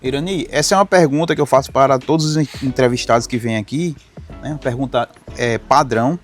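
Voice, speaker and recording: A man hosting an interview in a friendly, unhurried way. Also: medium pitch, soft background music. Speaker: interviewer, host.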